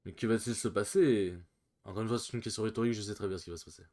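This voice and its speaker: A man's voice: fairly low pitch, steady tone, racing, a little mellow. A man hosting a let's play, commenting casually and reacting emotionally with playful, offhand swearing.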